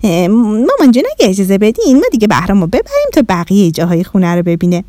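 A woman's voice: high voice, expressive, dark tone, dry recording, studio quality, voice pushed up. A woman voicing a young girl who earnestly explains manners and scolds. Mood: instructive. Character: young girl, bossy and polite-minded.

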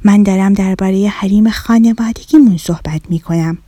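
A woman's voice: no echo, natural voice. Woman putting on a stern fish father. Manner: grave, speaks in low hushed tones. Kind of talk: children's storytelling.

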